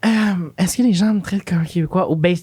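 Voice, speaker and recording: A man co-hosting a podcast, talking casually and haltingly with many restarts and fillers. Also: high-pitched, warm tone, slightly rough, no echo. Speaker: podcast co-host. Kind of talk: casual conversation.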